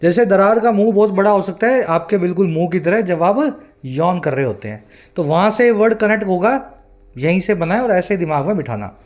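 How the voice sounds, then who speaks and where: Male online English tutor, higher-pitched voice, patient and explanatory, slow deliberate reading of example sentences. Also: lively intonation. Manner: asks the viewer often whether they follow. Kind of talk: vocabulary lesson in Hindi mixed with English.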